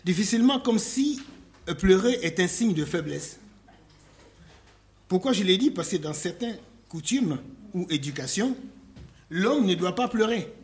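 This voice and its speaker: A man preaching a sermon at an unhurried pace, his voice sitting a little high for a man. He breaks his points into short phrases with pauses between them and leans on rhetorical questions. When he reads scripture, his delivery slows and turns solemn. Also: animated. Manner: reads scripture aloud in a slowed, solemn cadence.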